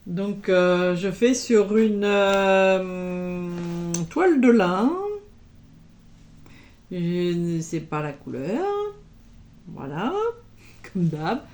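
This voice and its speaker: A woman's voice: fairly low pitch, extremely slow, pauses often, a little mellow. A woman chatting casually as an embroidery vlogger, showing her projects and peppering her talk with little interjections. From France. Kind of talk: casual show-and-tell chat.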